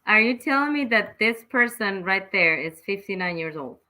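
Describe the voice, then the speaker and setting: A woman's voice: medium pitch, animated, normal speed, bright, forceful tone, poor audio. A woman hosting an interview, chatty and enthusiastic, reacting with exclamations and talking openly about her own goals. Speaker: host. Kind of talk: casual interview chat.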